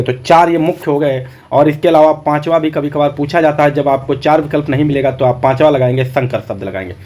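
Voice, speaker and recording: A man's voice: on the high side, darkish tone. A man teaching a Hindi exam-prep class, repeating each answer back as a question to his students.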